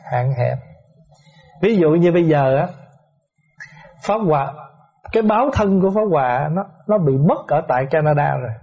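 Monk, middle-aged, patient teaching tone with rhetorical questions, pitch a touch high, dull recording. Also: male voice, mellow. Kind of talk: dharma talk answering questions.

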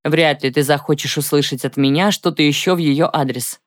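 A woman's voice: sits low, a little fast, pitched below the performer's own voice, lightly acted. A woman voicing a charming, boastful young man who teases and jokes in a self-satisfied drawl. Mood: wry.

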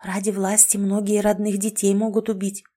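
A woman reading the lines of a feisty, sarcastic young woman in an audiobook, a touch higher than her own voice. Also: little pitch movement, warm tone, husky, natural voice. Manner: quick-tempered, mocking.

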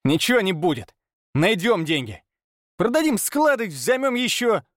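A man's voice: high voice, very animated, moderate pace, fairly bright tone, no echo, studio quality, pitched above the performer's own voice. A man voicing a shrieking hot-headed gambler. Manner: shrieking, snarling through teeth. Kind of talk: audiobook narration.

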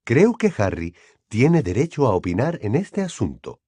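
A man reading an audiobook, voicing a calm, firm middle-aged wizard in close to his own voice. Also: mid-range voice, moderate pace, breathy edge, dry recording.

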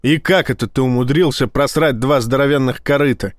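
A blustering, foul-mouthed police vice-admiral, put on by a man reading aloud, snapping and yelling in a raised, strained voice. The delivery is dry and close, with no room around it. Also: medium pitch, a little fast, no echo, natural voice. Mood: agitated. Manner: loud, agitated, cursing outbursts. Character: hot-tempered swearing male police vice-admiral.

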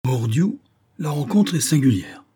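A man's voice: fairly high pitch, lively intonation, unhurried, warm tone, slightly rough, no echo, studio quality, pitched above the performer's own voice. A man reading an audiobook, voicing a spirited army captain who exclaims in surprise. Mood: astonished.

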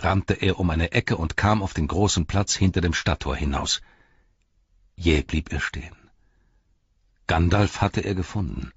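Male narrator, grave measured reading, very husky, dull dry recording. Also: low-pitched, dry recording. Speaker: audiobook narrator. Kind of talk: scripted narration.

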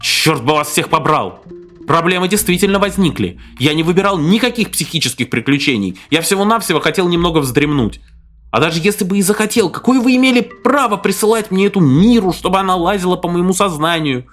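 A man voicing an indignant, panicky man who shouts his protests in a raised voice. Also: huge pitch swings, normal speed, full character voice. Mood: outraged. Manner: shrill, outraged outbursts.

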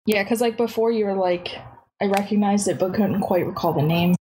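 A woman playing in a tabletop game, calm and polite. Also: mid-range voice, a little fast, rough recording. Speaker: player.

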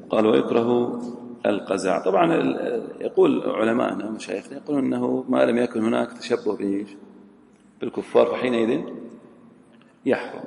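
A man's voice: mid-range voice, vocal fry, darkish tone. A man giving a religious lesson, reading a text aloud, then explaining it and quizzing his students. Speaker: religious teacher. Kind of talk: classroom lesson on a legal text. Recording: roomy hall with long echo.

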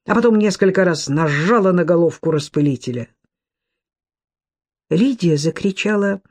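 A woman reading a comic novel aloud as an audiobook narrator, in a lively, expressive way. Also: mid-range voice. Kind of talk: scripted narration.

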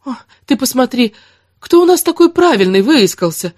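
A man raises his voice to play a sarcastic young woman with a sharp tongue and a defiant streak. She snaps loud and cutting at the listener, her pitch pushed well above the reader's own. Dry, close audiobook sound with no room around it. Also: big pitch swings, normal speed, no echo. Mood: scornful. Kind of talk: audiobook character reading.

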